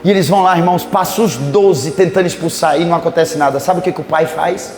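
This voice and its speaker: A man's voice: a little high, fast talker. A male pastor preaching a conference sermon in a church, telling Bible stories and acting out their scenes with a Brazilian accent. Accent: Brazilian Portuguese. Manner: animated storytelling preacher who acts out biblical scenes. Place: church sanctuary during a conference service. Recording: echoey church hall with faint music.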